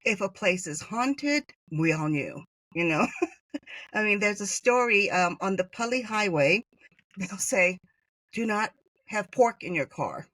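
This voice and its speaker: A woman's voice: mid-range voice, lively intonation, a little slow, a bit bright, dry recording. A middle-aged woman from Hawaii tells personal stories as a podcast guest, loose and chatty, with lots of "um" and "you know." Her voice sits in a mid register and sounds close and dry, with no room around it. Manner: chatty, many fillers, laughs while telling stories. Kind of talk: conversational storytelling interview.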